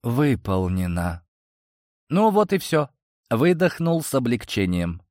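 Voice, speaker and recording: A man narrating a science-fiction audiobook in first person, measured and steady. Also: lowish voice, no echo, studio quality.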